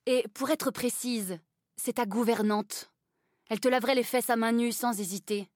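A woman's voice: on the high side, steady tone, normal speed, no echo, clean studio sound, close to an everyday voice. A woman reading an audiobook and voicing a cold, commanding aristocratic countess who speaks in a stern, clipped way.

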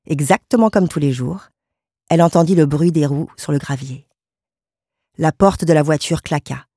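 A woman narrating a literary short story in a calm, measured way. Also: deep voice, slightly rough, no echo, studio quality. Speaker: audiobook narrator.

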